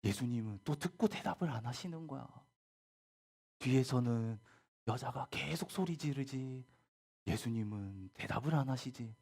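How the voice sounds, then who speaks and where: A woman telling a Bible story to children in a gentle storytelling manner, with soft whispered asides. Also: a bass voice, lively intonation, normal speed, husky. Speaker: children's ministry teacher.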